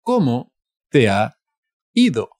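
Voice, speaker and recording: A man with a Castilian Spanish accent teaching a language lesson, repeating each phrase slowly and explaining grammar in asides. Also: medium pitch, wildly swooping pitch, darkish tone, no room sound, studio quality. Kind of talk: slow bilingual phrase lesson.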